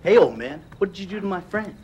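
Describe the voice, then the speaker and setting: A cocky high-voiced young street tough. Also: male voice, lively intonation, fast talker, darkish tone, muffled recording, slight background noise. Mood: taunting. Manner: taunting, cocky. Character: brash young male street tough picking a fight.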